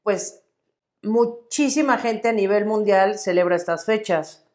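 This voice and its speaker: A Mexican woman co-hosting a podcast, chatting casually in a warm, reflective way. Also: mid-range voice, unhurried. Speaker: podcast co-host. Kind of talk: casual chat.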